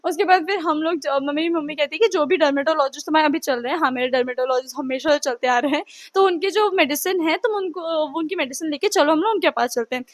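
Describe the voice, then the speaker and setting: A woman's voice: sits high, fast talker, hardly any pauses. A teenage girl telling a personal story in a chatty, dramatic vlog style, acting out what people said. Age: teens. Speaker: vlogger.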